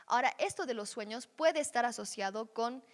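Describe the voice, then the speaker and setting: A woman with a fairly high voice leads a teaching session in a conversational way, often checking in with her listeners. Her voice carries a long reverb, as if heard in a large hall. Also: a little fast. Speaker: Bible teacher.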